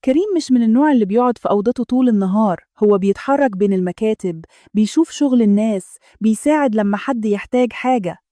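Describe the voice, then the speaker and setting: Fast, mellow Egyptian woman storyteller. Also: on the high side, no echo, clean studio sound. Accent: Egyptian Arabic. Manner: intimate confessional telling. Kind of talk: first-person scripted narration.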